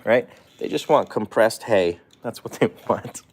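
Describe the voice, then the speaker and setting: A man's voice: fairly low pitch, animated, measured pace. A man casually chatting on a livestream while feeding his guinea pigs, rambling and correcting himself with small chuckles. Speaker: pet vlogger.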